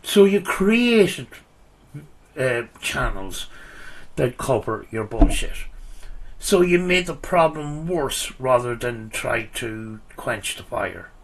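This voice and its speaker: A man's voice: mid-range voice, expressive, slow pace, creaky, fairly bright tone, a little hiss or hum, rough recording. A man in an unscripted reaction rant, heated and confrontational, swearing and tripping over repeated words. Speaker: commentary video maker.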